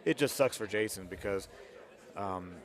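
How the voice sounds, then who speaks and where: A man's voice: fairly low pitch, normal speed. A man giving casual live golf commentary, talking conversationally through a tournament shot by shot.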